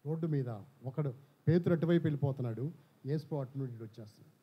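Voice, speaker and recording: A man preaching a sermon, animated, throwing questions at the congregation. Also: fairly high pitch, rapid-fire, husky. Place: church hall. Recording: slightly dull church recording.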